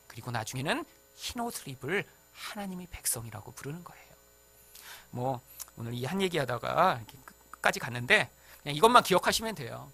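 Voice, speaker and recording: A man preaching a sermon as pastor, in a conversational and animated way, with sudden loud outbursts. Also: fairly high pitch, creaky.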